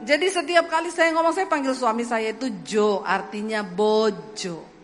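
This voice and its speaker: A woman's voice: fairly high pitch, moderate pace. A woman from Sulawesi with a Sulawesi accent, preaching a sermon and animatedly acting out stories with humor. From Sulawesi, Indonesia. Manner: animated, acts out dialogue, laughs at her own stories. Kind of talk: sermon with humorous personal storytelling. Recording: echoey hall with faint music.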